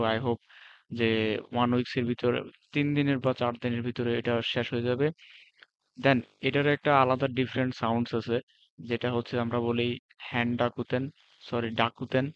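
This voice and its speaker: A man casually walking through a beginner language lesson, relaxed and pausing with fillers, mixing in English words. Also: mid-range voice, clean tone, dry recording. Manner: relaxed, often pauses with fillers while explaining. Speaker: language teacher. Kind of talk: casual spoken lesson walkthrough. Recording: dull lo-fi sound.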